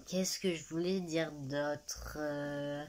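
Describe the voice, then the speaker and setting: A woman's voice: deep voice, steady tone, slow pace, darkish tone, slight background noise. A young woman chatting casually about a book series she is reading, with lots of fillers and restarts. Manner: rambling, many fillers and restarts, laughs often. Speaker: booktuber. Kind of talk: casual reading vlog chat.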